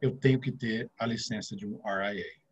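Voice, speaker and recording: On a muffled recording, a middle-aged Brazilian man from inland São Paulo state talks in a lowish, steady voice with a breathy edge at a moderate pace. Appearing as a guest financial advisor, he lays out his points step by step, filling gaps with many filler sounds in his interior São Paulo accent.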